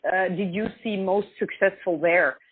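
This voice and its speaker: A woman's voice: mid-range voice, fairly even intonation, normal speed, slight background noise. Lady doing a business interview, kinda tentative, tinny phone sound. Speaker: market research interviewer. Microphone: phone call. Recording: tinny narrow phone line.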